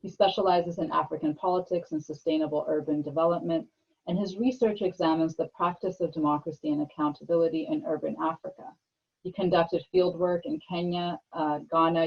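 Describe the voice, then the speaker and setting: A host with a fry-laden, rough-edged voice introduces panelists in a formal, read-aloud way, with small stumbles here and there. The sound is a slightly muffled video-call feed. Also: mid-range voice. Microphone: video call microphone.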